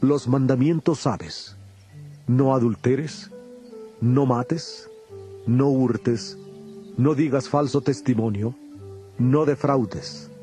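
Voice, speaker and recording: An actor playing Jesus as a grave, patient teacher in a dramatized audio Bible, speaking in a solemn, measured way. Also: male voice, mid-range voice, warm tone, faint music behind. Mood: earnest instruction. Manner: solemn, deliberate, measured delivery.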